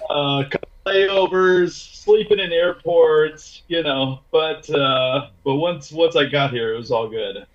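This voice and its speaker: Over a video call, a man guesting on a podcast chats casually about travel, describing his own experiences in laid-back, slangy language. His voice is on the high side and slow, and the audio is dull, lo-fi call quality.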